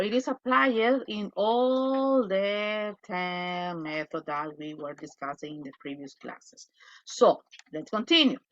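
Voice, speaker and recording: A woman with a Salvadoran accent gives an online English lesson in a slightly high voice. She is blunt and emphatic, full of animated asides. The audio is dull and lo-fi, like a video call. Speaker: English teacher. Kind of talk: online class lecture.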